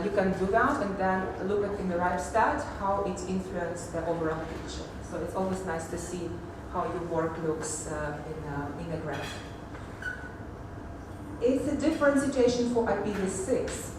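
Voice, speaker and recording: A woman's voice: on the low side, moderate pace, noisy background. Hesitant woman presenting in an echoey hall. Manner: hesitant, many fillers and restarts. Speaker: conference presenter. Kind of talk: technical conference talk. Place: large echoey conference hall. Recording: echoey hall audio from far off.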